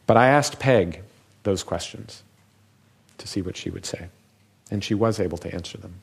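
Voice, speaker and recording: A man, a physician, giving a public talk in a measured, reflective storytelling manner. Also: low voice, gravelly, breathy edge.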